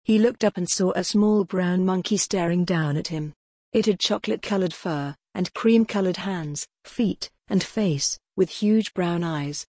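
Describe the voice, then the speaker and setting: Low husky woman reading a storybook. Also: moderate pace, a little mellow, no echo. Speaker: audiobook narrator.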